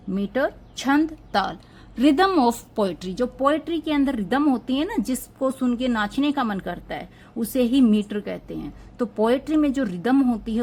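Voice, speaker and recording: A woman teaching an exam-prep lesson on literary terms. She asks a question and answers it herself, and she slows down to spell out English terms. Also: fairly high pitch, darkish tone.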